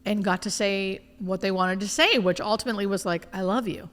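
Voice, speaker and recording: Expressive woman in an echoey room. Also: mid-range voice, brisk. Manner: informal, expressive, often quoting imagined dialogue. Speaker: hospice nurse being interviewed. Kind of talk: candid conversational storytelling.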